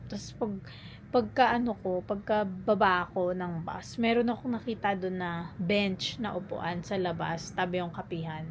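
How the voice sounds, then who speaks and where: A young woman vlogger telling a story casually, chatty and animated, mixing in English phrases. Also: fairly low pitch, a little hiss or hum.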